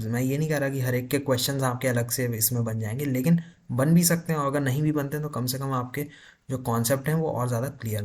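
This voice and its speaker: Male teacher, Hindi lecture, mid-pitched, reads notes slowly. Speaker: English literature teacher. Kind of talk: exam-prep lecture.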